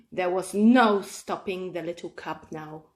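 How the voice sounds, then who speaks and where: With a lowish voice and slow delivery, a woman performs a children's story, bringing drama and expression to the telling.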